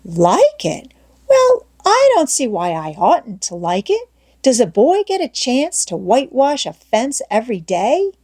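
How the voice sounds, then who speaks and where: A woman narrator plays a crafty young boy in an audiobook. He talks in folksy country phrases, hedging and feigning reluctance, with the pitch often lifting high. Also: wildly swooping pitch, darkish tone, slightly rough, exaggerated voice. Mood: feigned nonchalance. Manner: folksy rural dialect, drawn-out hedging. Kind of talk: audiobook character voice.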